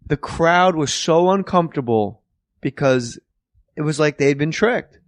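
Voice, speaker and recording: A man, a comedian, telling a story on a podcast, loud and laughing, shouting the punchlines. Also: fairly high pitch, expressive, a little slow, no room sound, clean studio sound.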